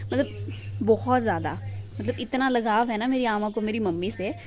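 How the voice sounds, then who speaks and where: A young woman from Himachal Pradesh chatting warmly to her viewers in a casual home vlog, recorded on a phone indoors. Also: on the high side, normal speed, low-quality recording. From Himachal Pradesh, India. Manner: chatty and affectionate, talking to the viewers while doing chores. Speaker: vlogger.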